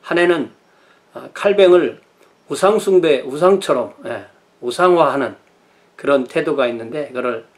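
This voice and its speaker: A man's voice: a little high, normal speed. Middle-aged male pastor, history lecture, hesitant and self-correcting delivery, filler-heavy. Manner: thinking aloud with many fillers and self-corrections. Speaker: pastor teaching church history.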